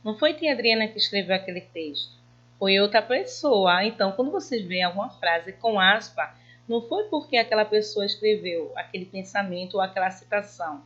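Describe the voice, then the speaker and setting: A woman teacher, giving a lesson to primary school children, patient and reading examples with drawn-out emphasis. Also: mid-range voice, animated, fairly bright tone, muffled recording.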